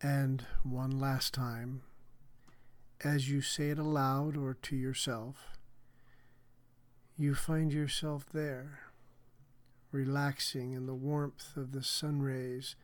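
A man speaking as a hypnotherapist on a podcast, measured and soothing in his delivery. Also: mid-range voice, little pitch movement. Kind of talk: guided hypnotic relaxation and explanation.

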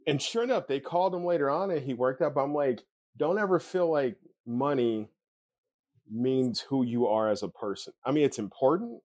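A man's voice: mid-range voice, moderate pace, darkish tone. A man hosting a podcast, easygoing and plain-spoken as he tells a personal story and asks questions. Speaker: podcast host. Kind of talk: casual interview chat.

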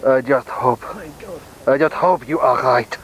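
A man putting on the voice of a nervous, whining male sidekick, creaky and fretful. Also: medium pitch, a little slow, fairly bright tone, natural voice, poor audio.

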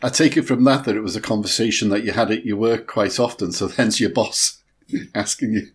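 A man hosts a radio podcast interview. His voice is a little low and noticeably husky. He puts his questions in a courteous, measured way.

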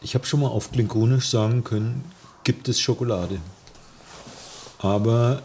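A man's voice: medium pitch, fairly even intonation, unhurried, darkish tone, slight background noise. Playful rambling man chatting casually. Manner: playful, rambling, joking asides. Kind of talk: casual chat.

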